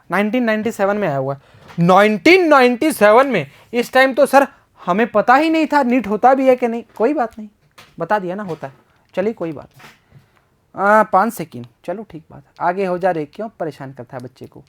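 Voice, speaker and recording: Man, physics tutor, casual exam prep, jokey, talks to himself, reads out problems. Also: high-pitched. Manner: chatty and joking, talks to himself and to students; reads problems aloud, mixing English terms into the talk. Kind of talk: casual exam-prep lesson, solving questions aloud.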